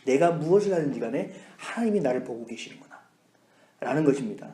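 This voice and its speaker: A male pastor preaching a sermon, telling a personal story with lively, animated delivery. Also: mid-range voice, quick pace, slight background noise. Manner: animated storytelling, whispers inner thoughts. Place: church sanctuary. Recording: echoey church hall.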